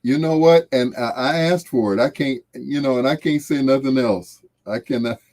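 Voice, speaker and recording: Here a livestream host with a mid-range, somewhat dark voice talks at a moderate pace. Middle-aged or older and American, he keeps things casual and jovial with his viewers, stretching out and repeating phrases in a folksy manner.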